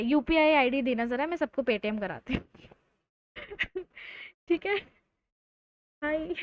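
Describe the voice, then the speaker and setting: A young woman teaching chemistry in a live online lecture, joking with students and drawing out key terms slowly for emphasis. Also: high voice, dry recording, dull audio. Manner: playful, teasing students between explanations.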